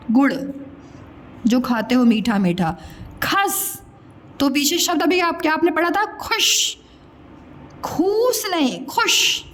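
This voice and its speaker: A woman teaching young children Hindi pronunciation, stretching each word slowly syllable by syllable and asking them to repeat. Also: sits high, a bit bright. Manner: drawn-out syllable-by-syllable pronunciation, questioning pupils; calls the listener "beta" (child). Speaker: primary school Hindi teacher. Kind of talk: slow spoken lesson for young children.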